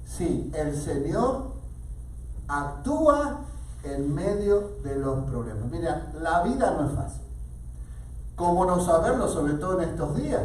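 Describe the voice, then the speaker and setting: A man preaching a sermon, reading scripture aloud dramatically with sudden loud emphasis. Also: a little high, big pitch swings, unhurried, slight background noise. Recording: very echoey room, from far off.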